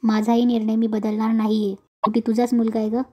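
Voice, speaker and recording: A woman's voice: a little high, completely flat delivery, fairly quick, warm tone, lightly acted. A woman voicing a determined young husband who firmly defends his wife. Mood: earnest. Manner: firm, earnest.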